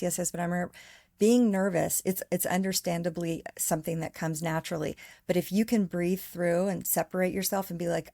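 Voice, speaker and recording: A woman's voice: on the low side, gravelly, a little mellow, no room sound, studio quality. A woman speaking as a podcast guest, talking earnestly at length in casual conversation. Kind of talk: casual interview chat.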